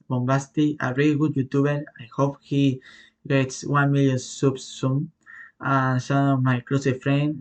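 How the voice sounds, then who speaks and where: Spanish-accented man, slightly high voice. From Spain. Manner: halting, with frequent fillers and self-corrections. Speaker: YouTube gamer answering viewer questions. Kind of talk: casual Q&A vlog.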